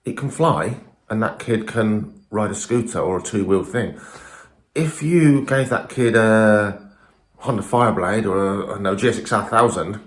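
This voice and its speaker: A man's voice: fairly low pitch, a little slow, reverberant. A man giving an informal, emphatic and opinionated talk to camera as a falconer presenting his own video, often throwing in rhetorical questions.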